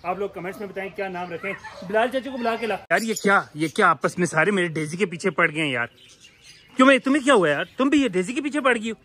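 A man's voice: high voice, expressive, fast, pushed and bright. A man vlogging about his pet birds and animals, chatting casually to viewers and coaxing the animals, repeating "yaar" constantly.

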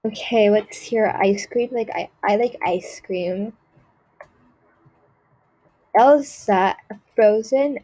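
Over gameplay, a woman performs a role-play skit as a spoiled, snobby rich girl, sounding snooty, haughty and dismissive, packing her lines with "like" and "ew." Her mid-range voice is mellow and slow with long pauses, and the recording is rough.

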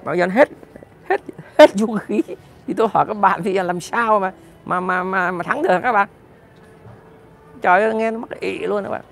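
A man's voice: sits high, moderate pace, creaky, long pauses. A man ranting heatedly to his viewers in a profane, direct monologue. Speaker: political commentator.

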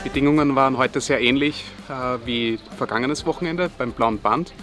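A man's voice: mid-range voice, a little fast, a bit bright. A man in his thirties talks as the winning skipper at an outdoor lakeside marina. He sounds confident and factual. Faint music runs under him. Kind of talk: casual interview.

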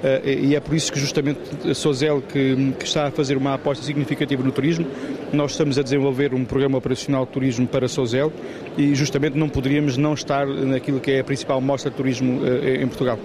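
A man's voice: medium pitch, level tone, fast talker. A man in his fifties, a town mayor, interviewed at a busy trade fair stand, talking with many hesitations and fillers. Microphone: handheld reporter mic. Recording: crowd chatter behind voice.

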